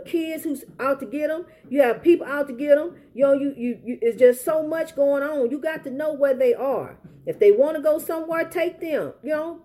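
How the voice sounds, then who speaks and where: A woman's voice: sits high, dark tone. A middle-aged woman with an American accent gives informal, heartfelt advice in an earnest, pleading and repetitive way. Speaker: parent speaking out in a personal public service message. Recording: faint background noise, ambient sound.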